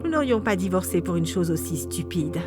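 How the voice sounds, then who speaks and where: A woman's voice: on the low side, sing-song, brisk, voice pushed down. A woman doing a sad, bitter mother. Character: hurt, bitter mother in her forties. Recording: music playing behind.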